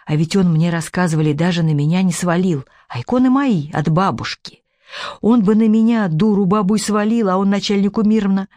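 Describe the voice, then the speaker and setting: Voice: mid-range voice, a little fast, warm tone, no room sound, lightly acted. A man reading a storybook, voicing an old village woman with folksy rural speech. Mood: wistful. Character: old village woman telling her war memories.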